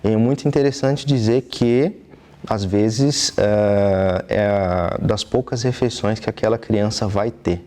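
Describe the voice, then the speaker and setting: A young man from southeastern Brazil with a Brazilian Portuguese accent, answering interview questions earnestly in a TV studio, pausing often with fillers. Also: lowish voice, dark tone. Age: young adult. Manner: earnest, thoughtful, with frequent hesitation fillers. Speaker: interview guest, trumpeter.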